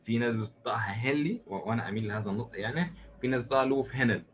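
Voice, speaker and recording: A man with an Egyptian accent giving a recorded lecture, drawing as he goes and asking and answering his own questions in a lively, joking way. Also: medium pitch, very fast, highs cut off, slight background noise. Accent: Egyptian Arabic. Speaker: medicine lecturer.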